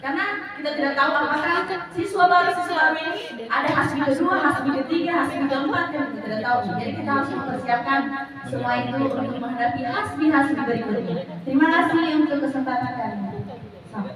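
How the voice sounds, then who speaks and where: A woman's voice: high voice, fast. A woman teacher telling a problem from her class in an earnest, hesitant way, with many restarts. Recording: echoey room, far from the mic, crowd behind.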